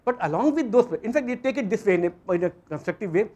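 A man with an Indian accent giving a motivational lecture to students, emphatic, repeating phrases and asking rhetorical questions in a husky voice. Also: high-pitched, expressive, fast talker, a little mellow. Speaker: physics lecturer. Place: auditorium stage.

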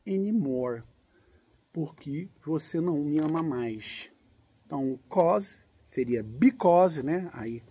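A man from Brazil teaching English in a relaxed, patient way, with guitar and snatches of singing. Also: on the high side, slightly rough. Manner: explains patiently, sings lyric lines to guitar. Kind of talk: casual English lesson.

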